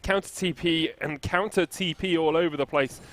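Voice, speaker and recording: High-voiced British play-by-play caster, man. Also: fairly even intonation, fairly bright tone. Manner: rapid play calling that surges with the action. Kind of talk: excited play-by-play commentary.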